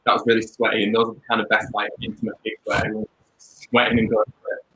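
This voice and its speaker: Fast, bright young DJ on video call. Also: male voice, lowish voice, monotone. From Leeds, England. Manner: chatty, upbeat, rambling. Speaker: DJ and music producer guest. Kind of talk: casual interview chat. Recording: echoey room over video call.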